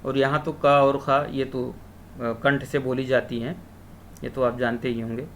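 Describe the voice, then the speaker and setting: A man's voice: mid-range voice, level tone, a bit bright, slight background noise. A man teaching an exam-prep lesson, asking questions aloud and answering them himself, sometimes drawing out sounds. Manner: asks questions then answers them himself, drawn-out syllables.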